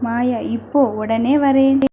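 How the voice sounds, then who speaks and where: A woman's voice: sits high, fairly even intonation, takes it slowly, dark tone, slight background noise. A woman reading as a shy stammering young woman. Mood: eager. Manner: timid, hesitant, stammering. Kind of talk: audio novel reading.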